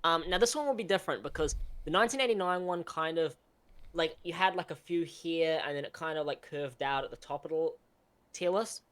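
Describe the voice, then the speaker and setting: A man's voice: fairly high pitch, a little fast, fairly bright tone, clean tone. A young man co-hosting a casual chat, easygoing and hesitant, with frequent ums and restarts. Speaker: co-host.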